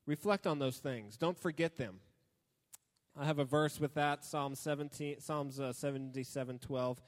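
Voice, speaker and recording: A young man giving a casual youth sermon as youth pastor, relaxed and prone to joking asides. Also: mid-range voice, normal speed, in a large hall. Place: church hall.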